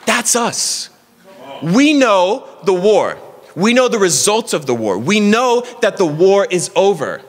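High-voiced preacher in an echoing hall. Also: male voice, takes it slowly, a faint crowd. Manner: energetic preaching with storytelling and stumbling restarts. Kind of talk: sermon. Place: church hall.

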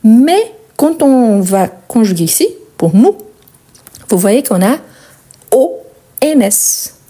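A woman teaching French verb conjugation, explaining slowly and stressing each example word, often checking in with "Ok?". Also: on the high side, sing-song, warm tone, breathy edge. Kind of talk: conjugation lesson.

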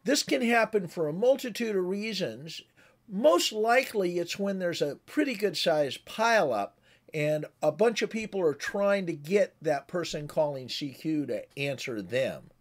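An unhurried man in his sixties with a high voice and lively intonation hosts an amateur radio tutorial. His delivery is conversational and instructive, with demonstrated radio calls woven into the explanation.

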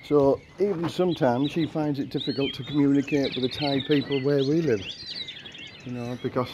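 Washing his car in a house's outdoor carport, an older vlogger from England tells meandering stories in a flat, mid-range voice at normal speed. The camera mic a few meters off gives dull audio full of birds, rural outdoor sound and background noise.

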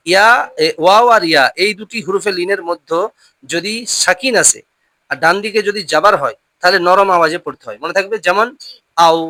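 In a patient Quran reading lesson, a teacher drills pronunciation through call-and-response, frequently repeating questions and slowing down to model each word. The voice is medium in pitch, bright and forceful, with no echo.

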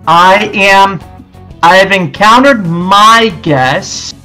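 A young man in casual gameplay chat, explaining things in a halting, conversational way. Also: sits high, bright, forceful tone, faint music behind. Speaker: gaming challenge player.

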